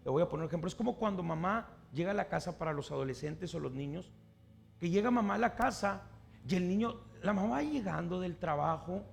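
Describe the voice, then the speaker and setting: High-pitched gravelly preacher. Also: male voice, lively intonation, brisk. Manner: asks the congregation questions and acts out the people he quotes. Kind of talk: sermon.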